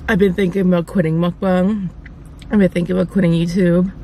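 A woman's voice: on the low side, level tone, brisk, warm tone, slight background noise. A young woman vlogger talking while chewing, rambling casually to the camera, repeating herself and using lots of filler words. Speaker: mukbang vlogger. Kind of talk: casual confessional chat to camera.

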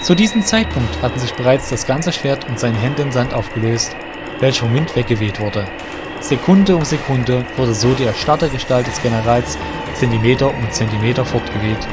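With music clearly playing behind him, a man narrates a fantasy audio drama from a script. His medium-pitched delivery is expressive and moderately paced.

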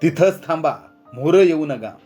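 A man's voice: a little high, a little slow, breathy edge, soft background music, heavily acted. Brief: narrator as composed rural man, firm, level-headed. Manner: calm, firm. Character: calm steady village elder, male, firm.

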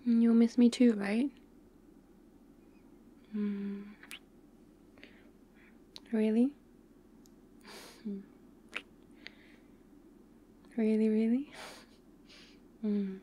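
A woman playing an affectionate, pouty young girlfriend in an intimate, soft ASMR role-play for ASMR. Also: a little high, level tone, slight background noise. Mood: tender, wistful. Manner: intimate soft voice dropping into speaks softly, slow and tender.

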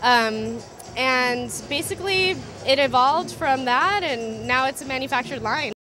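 A young designer from Southern California, her voice sitting high and unhurried, answers casual interview questions at a busy indoor trade show booth over loud background music. She comes across relaxed, with plenty of fillers and a slight trailing off, picked up by a handheld interview mic.

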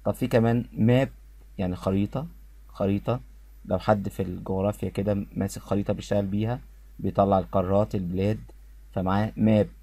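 A man with an Egyptian Arabic accent teaching English pronunciation, repeating each word slowly and clearly for his students. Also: lowish voice, dark tone, dry recording. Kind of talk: pronunciation lesson.

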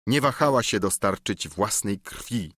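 A male audiobook narrator reading a classic novel in measured, expressive storytelling, recorded in a studio. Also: on the low side, slightly rough, no echo.

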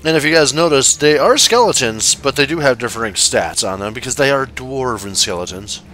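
Lively bright-voiced man running the game. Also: mid-range voice, brisk, faint music behind. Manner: playful and profane, laughs often, narrates monster moves. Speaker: game master. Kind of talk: running a board game session with friends.

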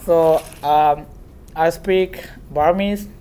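A man's voice: on the high side, fairly even intonation, very slow, mellow, a little hiss or hum. A young man from Myanmar, a native Rohingya speaker, giving an earnest talk as a guest speaker in a classroom, filmed by a far camera. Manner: earnest, storytelling with hand gestures.

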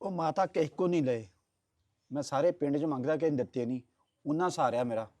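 Man playing a grown son, evasive, placating, fast talker. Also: on the high side, mellow, no echo, lightly acted. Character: sheepish grown son answering his mother. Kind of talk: comedy skit acting.

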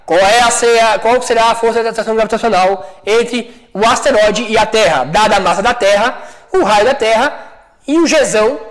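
A man with a Brazilian Portuguese accent, a studio teacher working through a high school physics exercise, chatty and checking often that students follow. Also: normal speed, a bit bright, poor audio. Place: classroom studio.

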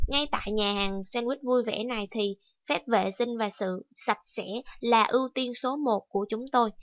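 A woman's voice: a little high, a bit bright, no echo, low-quality recording. A woman teaching a TOEIC reading lesson, explaining step by step and repeating key words. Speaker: English teacher.

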